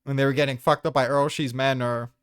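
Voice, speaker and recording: A man with a medium-pitched, level voice talks fast and smoothly, recorded dry with studio quality. He's a tier list maker defending his placements in a casual debate about manga character rankings, speaking informally and swearing freely.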